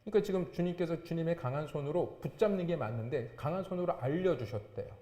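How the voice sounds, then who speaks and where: A man's voice: on the high side, expressive, quick pace, dark tone. A man, a pastor, preaching a sermon with emphatic, rising and falling delivery. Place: church sanctuary. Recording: echoey church hall.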